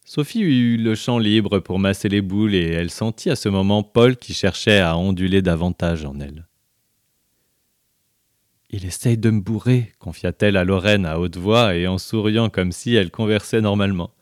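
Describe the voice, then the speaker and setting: A man reading a story aloud on the radio in a measured, even storytelling voice. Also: low-pitched, dry recording, clean studio sound. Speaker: guest reader.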